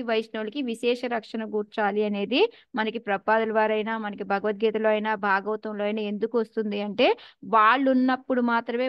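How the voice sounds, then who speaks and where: A woman's voice: a little high, no echo, highs cut off. A woman with a Telugu accent teaching a scripture class in a conversational way, asking her listeners questions and mixing in English words.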